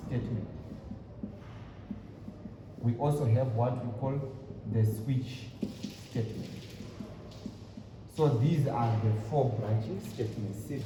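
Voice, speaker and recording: A Zimbabwean programming lecturer with a mid-range voice teaches a class, repeating points and posing rhetorical fill-in questions. It's recorded in an echoey room with a distant mic and lots of noise.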